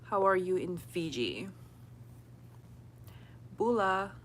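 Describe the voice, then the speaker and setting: A young woman hosts a casual livestream, chatting with viewers, answering their comments, and laughing often. Her fairly low voice is expressive and unhurried, with a little hiss or hum in the recording.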